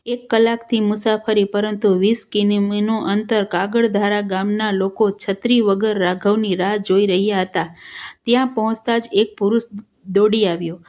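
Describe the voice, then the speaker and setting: A woman narrating a sad story, telling it slowly and earnestly and voicing the dialogue herself. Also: medium pitch, darkish tone.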